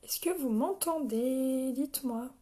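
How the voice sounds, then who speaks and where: Chatty high-voiced woman. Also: measured pace, dark tone. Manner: chatty, addresses viewers by name, frequent coughs. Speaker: makeup seller training her team. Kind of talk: live makeup tutorial chatting with viewers.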